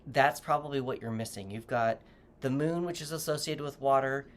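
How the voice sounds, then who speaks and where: A tarot reader does a casual reading to camera, rambling loosely and often correcting themself while gently advising the viewer directly. The voice is medium-pitched and the pace moderate.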